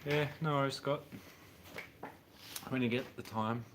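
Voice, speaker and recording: Unhurried and steady in tone, a medium-pitched Australian voice answers viewers during a casual livestream. The man, in his thirties and from Brisbane, rambles in a relaxed, slangy way from his home mechanic workshop, where a car is on a hoist and the background is noisy.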